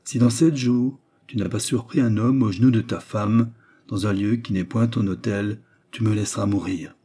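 A man reading the part of a calm, scheming woman who stays unshaken, speaking in a measured way. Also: fairly low pitch, slightly rough.

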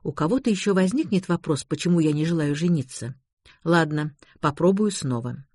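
Female audiobook narrator with a lowish voice and wry, expressive delivery. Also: normal speed, dry recording, clean studio sound. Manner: wry, expressive first-person reading. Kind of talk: scripted narration.

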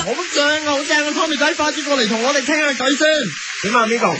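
Talking fast in an extremely high pitch, a man with a Hong Kong Cantonese accent runs a mock radio chart countdown for comedy. His delivery is hyped and playful as he jumps between host voices.

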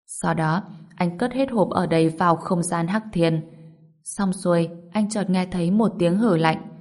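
A woman's voice: on the low side, measured pace, a little mellow. A woman reading a scripted fantasy story as an audiobook narrator.

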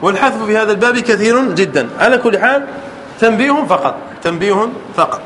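Guy teaching a grammar class, kinda high voice, keeps checking if students follow, slight hiss behind. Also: expressive, a bit bright. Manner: checks often with the class, repeats words, stretches key words slowly.

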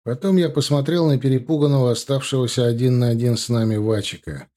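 A man narrating a first-person audiobook with steady storytelling. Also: mid-range voice, fast talker.

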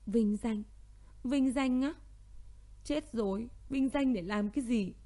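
A woman's voice: on the high side, moderate pace, warm tone, lightly acted. A woman voicing a heartbroken young pregnant woman who pleads tearfully with her brother and her missing lover, in a narrated audio story. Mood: sobbing.

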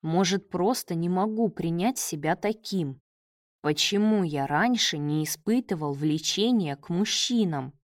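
Female narrator as an unsure young man; slow, low, dry close mic. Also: no echo, close to an everyday voice. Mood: reflective. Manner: hesitant, reflective. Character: young adult man, torn and uncertain.

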